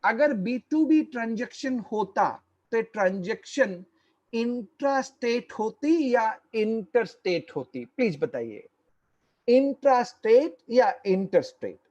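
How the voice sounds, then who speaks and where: Slow deliberate man lecturing online. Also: very high-pitched, lively intonation, a little mellow, dull audio. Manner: slow, deliberate, stretches key words; quizzes listeners, repeats points. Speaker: tax lecturer.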